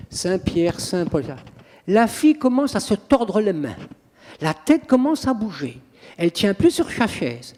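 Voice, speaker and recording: A priest and exorcist in an interview, telling stories in an animated, dramatic way with acted quotes. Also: male voice, high voice. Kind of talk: interview storytelling. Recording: long reverb, echoey room.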